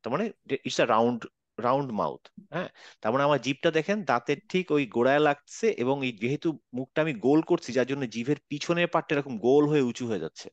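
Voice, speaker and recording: A man's voice: medium pitch, fast talker, dry recording, muffled recording. A man teaching Quran letter pronunciation in an online class, patiently saying each sound over and over. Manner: patient, demonstrates sounds by repeating them.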